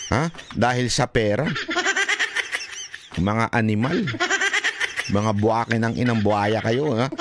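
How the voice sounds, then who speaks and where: A man with a Filipino accent giving casual political commentary, animated and laughing often. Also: mid-range voice, noisy background. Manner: animated, laughing often, switching between Tagalog and English.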